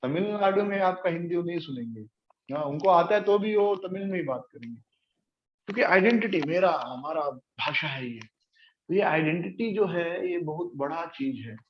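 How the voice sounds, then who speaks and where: Lecturing on spiritual matters, this male teacher explains ideas, sprinkles in English terms, and asks rhetorical questions to make sure his audience keeps up. He speaks at normal speed in a slightly high voice; the recording is dull and lo-fi, echoey, with faint noise.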